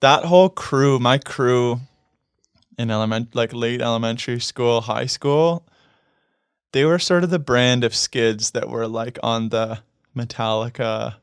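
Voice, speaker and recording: A Canadian guest musician rambles casually in an interview, leaning on fillers and laughing easily between thoughts. His smooth, resonant voice sits at medium pitch with a steady tone and a slightly slow pace. The studio microphone captures him dry and close, with no echo.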